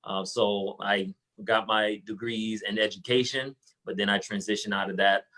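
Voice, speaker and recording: Earnest low-voiced man from Haiti. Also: fairly even intonation, normal speed, sharp tone, poor audio. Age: young adult. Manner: earnest, with many fillers and restarts. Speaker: guest entrepreneur. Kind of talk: casual interview talk.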